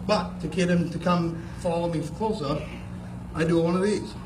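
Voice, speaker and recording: High-voiced folksy man, distant and echoey. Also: steady tone, moderate pace. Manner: folksy, second-person yarn-spinning. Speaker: moose-calling contestant telling a story. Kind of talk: humorous storytelling with moose call demonstrations. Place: outdoor fair in Maine. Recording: distant, echoey, noisy outdoor fair recording.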